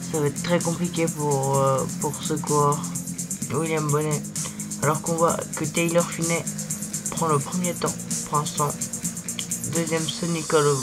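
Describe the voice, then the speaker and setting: Young male game commentator, tonsillitis-weakened voice, monotone, hesitant, casual, prominent background music. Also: on the high side, rough recording. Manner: halting, repeats words while searching. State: sick with tonsillitis, swollen-throat weakened voice. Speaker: gaming video host. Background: loud music.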